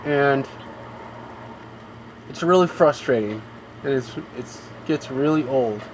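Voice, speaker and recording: A man's voice: mid-range voice, takes it slowly, a little hiss or hum, poor audio. Male game streamer, rambling and complaining, mid-range voice. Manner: rambling, complaining, fills with "you know". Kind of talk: live gameplay commentary.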